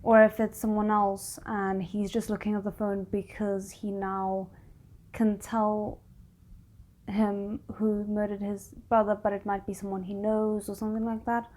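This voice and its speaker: This woman hosting a reaction video has a medium-pitched, slightly mellow voice with little pitch movement, and she takes her time. Her casual, expressive commentary to camera is hesitant and tends to drift into asides.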